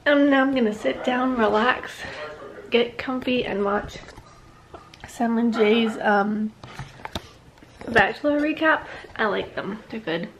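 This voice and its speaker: A woman's voice: fairly high pitch, takes it slowly, long pauses, a little hiss or hum, poor audio. Chatty young woman vlogging at home. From Canada. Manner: chatty, rambling, laughs easily. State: out of breath. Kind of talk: casual vlog chat.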